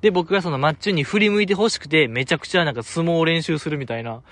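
A radio show host with a Kansai Japanese accent runs a casual solo talk show, reading listener mail in a chatty, self-deprecating way. His voice is fairly high and a bit bright, and he talks in rapid-fire bursts with no echo.

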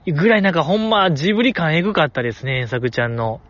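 Man, kansai accent, lively bouncing pitch, somewhat high voice, muffled lo-fi sound, casual outdoor talk. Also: fast. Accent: Kansai Japanese. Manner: animated, playful, acts out quoted lines. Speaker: host reviewing voice performances. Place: outdoors in the cold.

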